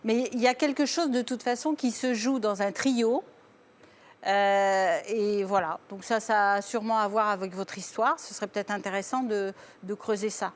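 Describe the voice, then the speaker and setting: Gentle reflective woman offering counsel. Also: mid-range voice, fairly even intonation, moderate pace. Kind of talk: therapeutic commentary.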